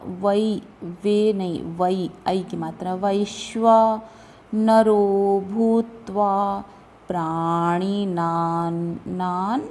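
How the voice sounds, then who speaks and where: A woman teaching how to recite scripture verses, chanting each line slowly and carefully and then explaining it in plain talk. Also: mid-range voice, mellow.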